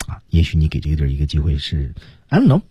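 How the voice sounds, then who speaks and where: A man's voice: huge pitch swings, rapid-fire, mellow, slightly rough, no echo. A man teaching English on a radio lesson, explaining phrases with emphatic rises and falls. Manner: explanatory, emphatic swings between high and low.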